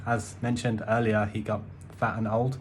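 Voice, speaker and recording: A man's voice: on the low side, little pitch movement, moderate pace, slight background noise. A man giving a casual, rambling album review with wry asides, using musician's terms like semiquavers and odd time signatures.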